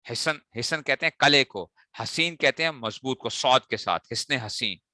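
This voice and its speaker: A man teaching a morning class, correcting mispronounced words by repeating them slowly and checking that students follow. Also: mid-range voice, bright, forceful tone, dry recording, clean studio sound. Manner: asks students checking questions. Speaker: teacher of Arabic morphology. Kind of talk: classroom lecture.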